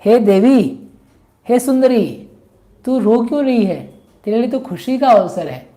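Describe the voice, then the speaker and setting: A woman's voice: fairly high pitch, sing-song, unhurried, warm tone, voice pushed up. A woman voicing a proud queen who coaxes and scolds a captive woman, in a scripture storytelling lesson. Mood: coaxing. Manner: persuasive, scolding.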